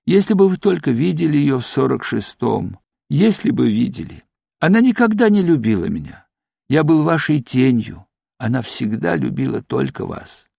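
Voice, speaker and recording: A man voicing a frightened arrested doctor who pleads and breaks into hysterical shouts, read as an audiobook. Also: medium pitch, big pitch swings, moderate pace, gravelly, husky, no room sound, studio quality, full character voice. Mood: desperate. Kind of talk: audiobook reading.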